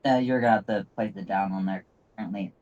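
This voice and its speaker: A man's voice: fairly low pitch, steady tone, quick pace, muffled recording. A man running a tabletop fantasy game, moving between descriptive narration and casual talk with players. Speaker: game master.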